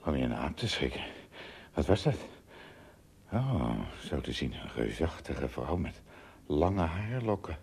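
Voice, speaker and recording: In a Dutch radio play, an actor voices an astonished, easily frightened male traveller who is tiny among giants, talking to himself in amazement with exclamations and hesitant repeats. His exaggerated voice is husky, gravelly, and rumbling low, a little slow and a little mellow, with big pitch swings.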